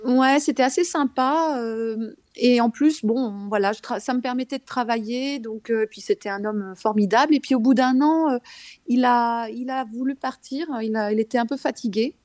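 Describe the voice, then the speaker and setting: High-voiced Parisian French woman, hesitant. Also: normal speed, a little mellow, no echo, clean studio sound. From Paris, France. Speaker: guest, author and radio columnist. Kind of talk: conversational interview, personal account.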